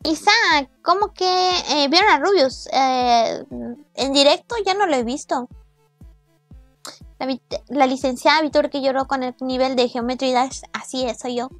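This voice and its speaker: A woman's voice: high-pitched, measured pace, dry recording, faint music behind. A young woman, chatting playfully on a live gaming stream, teasing and mock-exasperated as she thanks viewers by name. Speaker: VTuber streamer.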